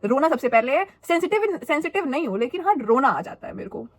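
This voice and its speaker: Fast-talking young woman telling a story. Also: high voice. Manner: animated, dramatic, chatty. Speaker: vlogger. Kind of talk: casual storytime vlog.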